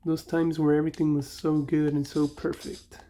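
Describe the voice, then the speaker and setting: A young man with a Mexican accent, host of a gaming channel, talks casually and nostalgically during gameplay, rambling and often correcting himself mid-sentence. His voice is a little high, level and warm at a normal speed, with a little hiss or hum in the background.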